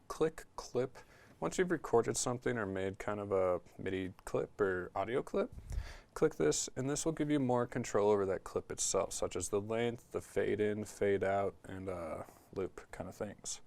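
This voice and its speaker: A man's voice: medium pitch, moderate pace, gravelly. A man casually walking through a music production tutorial in his studio, talking into a talkback mic with lots of "like" and "um". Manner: relaxed, filler-heavy explaining with frequent "like" and "um".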